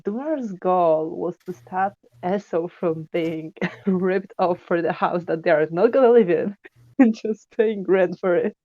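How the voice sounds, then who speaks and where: A woman's voice: medium pitch, dark tone, no echo, dull audio. Hesitant woman player on a dry mic. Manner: hesitant, filler-heavy.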